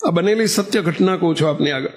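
A man's voice: a little high, quick pace. A man, a monk, preaching by telling a true story vividly and acting out the dialogue. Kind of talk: sermon storytelling.

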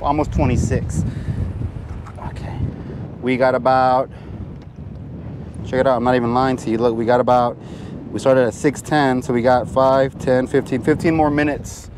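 Excited man on a fishing boat. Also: medium pitch. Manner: excited hollering when fish bite. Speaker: fishing vlogger. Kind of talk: casual fishing vlog narration. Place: small boat out on open bay water. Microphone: action camera worn on the body. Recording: outdoor camera audio with wind noise. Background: wind and water.

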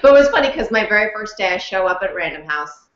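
A woman actor and audiobook narrator telling a story in a casual, animated chat, laughing often. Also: medium pitch, quick pace. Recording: roomy, dull lo-fi sound.

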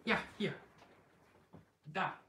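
Bright-voiced woman reading a story aloud. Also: very slow, reverberant, slight background noise. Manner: lively expressive reading. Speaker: host of a craft shop live stream. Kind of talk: storybook reading on a live stream. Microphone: phone, filmed upright.

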